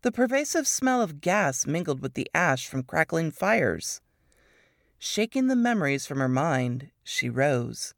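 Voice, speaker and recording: A woman narrating an excerpt from a wartime novel in an expressive storytelling manner. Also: a little slow, gravelly, dry recording, clean studio sound. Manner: expressive storytelling, swooping pitch. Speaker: reader of a book excerpt. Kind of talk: scripted narration.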